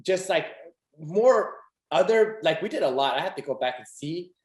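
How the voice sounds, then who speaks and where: Speaking at a normal pace, this young podcast host has a slightly high, somewhat dark voice with lively intonation. He chats casually and energetically, packing in fillers and laughs, and the room he's in sounds echoey.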